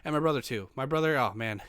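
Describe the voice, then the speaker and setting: A man's voice: mid-range voice, a bit bright, no room sound. A man in his late twenties, a streamer telling meandering casual stories to his live audience. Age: late 20s. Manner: rambling, meandering storyteller.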